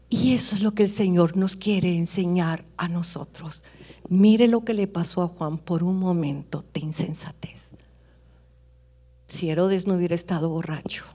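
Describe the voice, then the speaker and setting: A middle-aged woman delivers a sermon, telling stories as her voice swings from loud, high exclamations down to hushed whispers.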